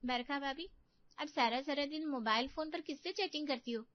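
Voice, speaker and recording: A woman's voice: high voice, normal speed, lo-fi sound, voice pushed up, close to an everyday voice. A woman voicing a spoiled, meddling young daughter in a cartoon story, sly and taunting.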